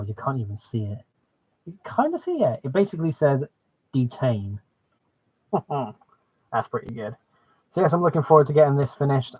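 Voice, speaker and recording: A man hosts a casual live stream about his hobby. He talks in an enthusiastic, chatty way at a middling pitch. The microphone sounds muffled, with very little room echo. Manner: enthusiastic, exclaiming.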